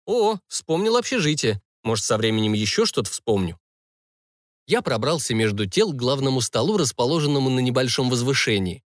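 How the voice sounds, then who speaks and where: A man's voice: mid-range voice, big pitch swings, brisk, no echo. A man narrating a fantasy audiobook in the first person, with a wry, ironic storytelling manner, recorded on a close mic.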